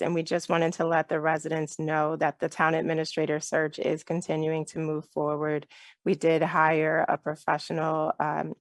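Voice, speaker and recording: A woman mayor chairing a council meeting in a measured, polite, procedural way. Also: deep voice, no room sound.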